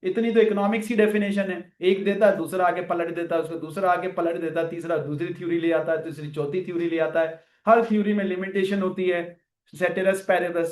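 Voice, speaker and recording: A man lecturing students in a classroom, animated and full of rhetorical questions. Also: sits high, a little fast, roomy sound. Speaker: finance lecturer.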